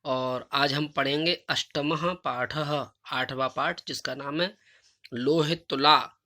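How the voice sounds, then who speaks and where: A male teacher giving a recorded lesson, dictating answers slowly and deliberately word by word, with everyday explanations in between. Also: on the high side, steady tone, bright, forceful tone. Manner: explains in everyday Hindi between recited lines. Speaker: Sanskrit teacher.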